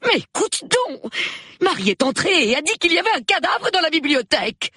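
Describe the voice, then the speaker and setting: A woman's voice: lowish voice, huge pitch swings, normal speed, fairly bright tone, husky, no room sound, clean studio sound, pitched above the performer's own voice, exaggerated voice. A man voicing an insistent middle-aged lady of the house, pleading with her sleepy husband in a storybook reading. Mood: urgent.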